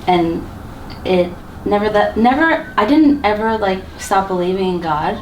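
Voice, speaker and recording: During a personal interview, a woman chats casually and unhurriedly in a medium-pitched voice, sprinkling in lots of "likes" and "ums." The recording sounds roomy and distant, with a little hiss or hum.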